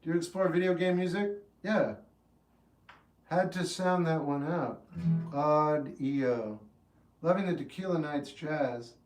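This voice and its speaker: A man in his fifties hosting a livestream, chatting casually with viewers in a relaxed, rambling way that turns earnest when he gives advice. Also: a little high. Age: 50s. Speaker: livestream host. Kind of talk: casual chat answering live chat. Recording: roomy echo, mic at a distance, faint guitar music.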